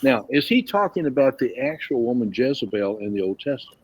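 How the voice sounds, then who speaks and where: A man's voice: mid-range voice, sing-song, brisk, breathy edge, no room sound. A man teaching a casual Bible study group, rambling a little and asking the group questions.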